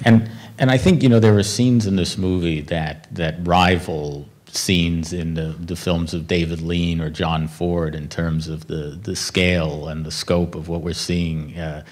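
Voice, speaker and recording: Low-voiced male festival moderator. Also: fairly even intonation, unhurried, hardly any pauses. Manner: long winding questions with repeated restarts. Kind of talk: onstage Q&A moderating. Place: film festival stage before an audience.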